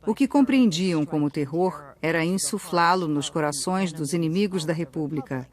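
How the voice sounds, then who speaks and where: A woman dubbing an interviewed expert, speaking in a steady, explanatory way in a studio voice-over. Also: sits low, normal speed.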